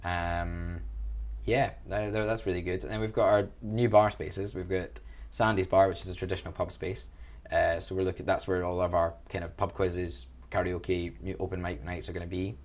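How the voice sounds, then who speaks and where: A young man from Glasgow, Scotland, with a Glaswegian accent and a deep voice, speaks at normal speed with little pitch movement. In a casual interview he talks enthusiastically about student union events, with self-deprecating humor.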